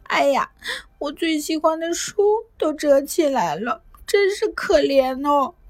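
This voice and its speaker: Woman putting on a high sulky little boy, shrill whiny outbursts, bedtime storybook. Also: expressive, takes it slowly, no room sound, studio quality. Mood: tender.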